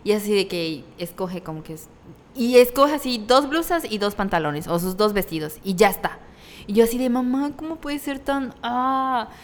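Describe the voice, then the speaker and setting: A woman's voice: mid-range voice, normal speed. A young woman chatting casually about her mother, quoting her own reactions. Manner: relaxed storyteller, quotes her own reactions. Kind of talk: casual chat. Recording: long reverb.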